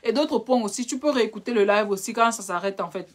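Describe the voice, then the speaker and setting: A woman's voice: fairly high pitch, fast talker. A young woman hosting a live relationship advice stream, answering viewer questions in a direct, scolding way. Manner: direct, scolding, addresses viewers as brother and darling.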